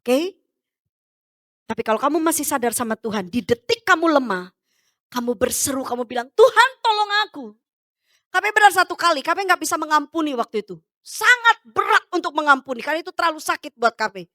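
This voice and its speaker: A woman pastor delivers a sermon in a very high, sharp-edged voice. She urges loudly, then drops into soft, low asides. The sound is close and dry. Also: lively intonation, fast, no echo. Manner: emphatic, swings between loud urging and soft low asides.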